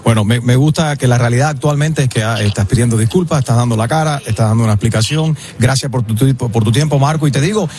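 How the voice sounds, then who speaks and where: A man's voice: medium pitch, quick pace, hardly any pauses, darkish tone. A man hosting an interview, chatty and joking, often stumbling over his words. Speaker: interview host. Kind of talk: casual interview chat.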